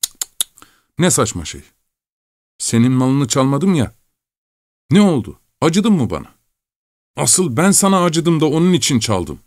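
In an audiobook, a spoiled, hot-tempered young man, as a male narrator puts him on flares up in a voice pitched well above the reader's own. He sounds petulant and raised, and the dry, close recording keeps every outburst crisp. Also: sing-song, measured pace, long pauses, darkish tone, dry recording. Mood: indignant. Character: volatile, spoiled young male traveling companion.

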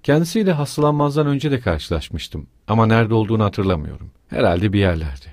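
A man's voice: fairly low pitch, animated, fairly quick, a little mellow, no echo, clean studio sound. A man voicing a feverish, irritable young man who speaks in abrupt, edgy outbursts. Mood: agitated.

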